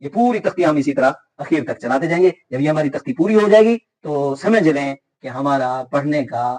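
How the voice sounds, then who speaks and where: A man's voice: a little high, animated, darkish tone, rough recording. Patient male Quran teacher. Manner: patient, repeats rules and drills syllables slowly. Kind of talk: recorded lesson.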